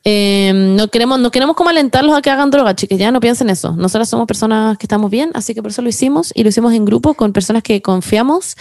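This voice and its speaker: A young Chilean woman who talks very fast, rattling through a story in loose, slangy chat. Her voice sits a little high, and it sounds dry and close, with no room echo. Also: a little mellow. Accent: Chilean Spanish. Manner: rapid storytelling, slangy, mixes in English. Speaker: podcast host. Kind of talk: casual chat.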